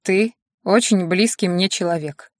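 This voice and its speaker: Gruff world-weary man, read by a woman. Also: measured pace, no room sound, clean studio sound, natural voice. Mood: grumbling. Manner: grumbling, low-key. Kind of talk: audiobook reading.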